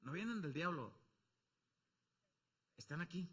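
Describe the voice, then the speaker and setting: A man with a Mexican accent preaching a sermon as pastor, swinging from loud calls to low asides and acting out quoted voices. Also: very animated, measured pace, breathy edge. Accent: Mexican Spanish. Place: church.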